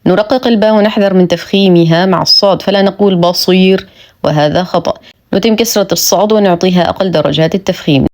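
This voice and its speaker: A woman teaching Quran recitation rules, explaining each rule and then reciting words slowly and precisely. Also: low-pitched, darkish tone. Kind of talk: tajweed lesson, explaining rules between slow recited words.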